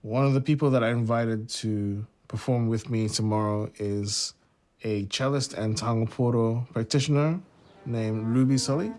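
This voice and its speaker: A man's voice: medium pitch, fairly even intonation, normal speed, a little mellow. A man, a jazz musician speaking thoughtfully in a documentary interview, often hedging with "sort of" and "like". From born in Singapore, raised in New Zealand.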